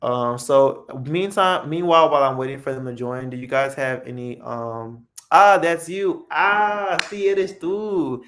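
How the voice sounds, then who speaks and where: Slow, easygoing man hosting a live stream. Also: a little high, a bit bright. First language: English. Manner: unhurried, friendly, answers viewer comments. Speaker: host of a live language practice stream. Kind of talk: casual live-stream chat, switching between English and Spanish.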